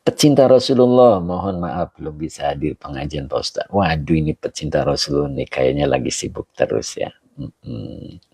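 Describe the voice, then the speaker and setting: Man, deep lively voice, gravelly, dark tone, husky, close and dry, Islamic teacher greeting viewers between lessons. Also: moderate pace, dry recording. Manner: chatty, greets viewers by name between grammar explanations. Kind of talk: live-streamed kitab study, reading comments aloud. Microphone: handheld camera he holds himself.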